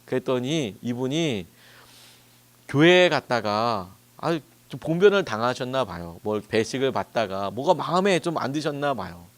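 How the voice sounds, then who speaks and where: A man's voice: mid-range voice, sing-song, moderate pace. A man preaching a dawn-service sermon as a pastor, telling stories in a conversational way. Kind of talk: sermon at a dawn prayer meeting.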